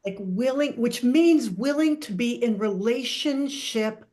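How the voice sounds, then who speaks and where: Older woman, book club member, frank, swears, slightly high voice. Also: expressive, measured pace, darkish tone. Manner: candid and frank, swears freely. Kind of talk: casual group discussion.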